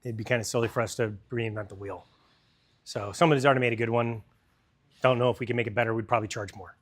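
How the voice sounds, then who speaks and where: A man's voice: medium pitch, fairly even intonation, quick pace. A man presenting a product in a store demo, talking casually and explaining technical details to a crowd.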